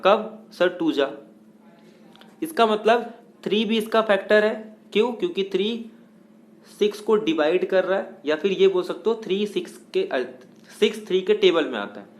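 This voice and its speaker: A male math teacher, giving a lecture in a step-by-step way, asking questions and answering them himself. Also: high-pitched. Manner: explains step by step, asks and answers own questions; mixes English math terms into Hindi. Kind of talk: classroom lecture.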